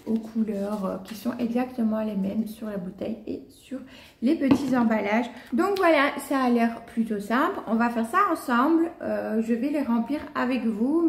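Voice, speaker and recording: A young Belgian woman talks her way through an unboxing at home, hesitant and chatty with plenty of fillers. Her fairly high voice has a gravelly, creaky edge. The room is echoey, with a faint hiss behind her. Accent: Belgian French. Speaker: vlogger. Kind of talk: casual unboxing chat.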